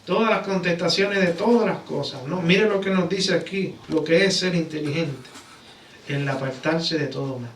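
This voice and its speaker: A Puerto Rican man with a slightly high voice preaches a conversational sermon at a moderate pace in a church sanctuary, repeatedly checking for agreement with rhetorical tag questions. The recording sounds roomy, with a distant mic and background noise.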